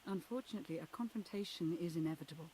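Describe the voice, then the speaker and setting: An actress playing a loyal, serious female military adviser in a video game, speaking in a measured, formal, resolute manner. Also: fairly low pitch, warm tone, natural voice, low-quality recording. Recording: clear background noise with hiss.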